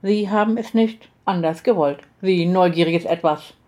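A woman's voice: lowish voice, normal speed, warm tone, close to an everyday voice. Woman reading a curt male secret agent. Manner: clipped, matter-of-fact orders.

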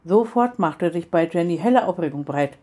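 A woman reads a story aloud, keeping her narration steady and even. Her voice sits a little low. She keeps it calm and clear. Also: normal speed.

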